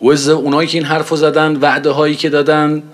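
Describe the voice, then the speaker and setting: A man's voice: on the high side, monotone. A man preaching in a conversational way, telling anecdotes and acting out the dialogue in them. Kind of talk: storytelling religious talk.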